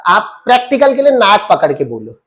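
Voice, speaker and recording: A man's voice: high voice, wildly swooping pitch, fairly quick, a bit bright. A man teaching Hindi grammar to a class, asking questions and answering them himself in a coaxing call-and-response way. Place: classroom with students.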